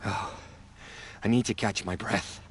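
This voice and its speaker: An aggrieved male herb gatherer from a video game, speaks in a fairly high voice. His delivery is dramatic and indignant, sweeping up and down in pitch. A little background noise sits underneath. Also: big pitch swings, normal speed. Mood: bitter warning. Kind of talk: video game dialogue acting.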